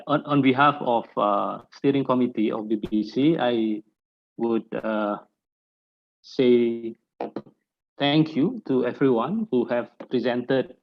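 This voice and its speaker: A man from Malaysia, giving closing remarks at an online panel in a halting way with many filler pauses. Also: medium pitch. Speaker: steering committee representative. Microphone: video call. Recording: lo-fi muffled call audio.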